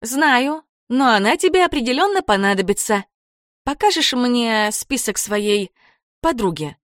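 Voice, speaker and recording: A woman voicing a gentle, dreamy young woman guide, speaking softly and earnestly in an audiobook. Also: fairly high pitch, very animated, measured pace, no echo, clean studio sound, voice pushed up.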